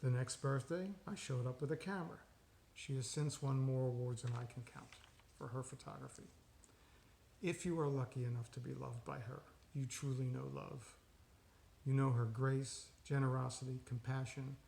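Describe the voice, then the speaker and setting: A man giving a deadpan, joking birthday tribute to his wife that turns heartfelt. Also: mid-range voice, normal speed, gravelly.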